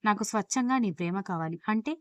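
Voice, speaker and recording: A woman's voice: mid-range voice, fast, dry recording, studio quality, natural voice. A woman voicing a doting, teasing young husband in a read-aloud audio story, speaking tenderly and with amusement. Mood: fond teasing.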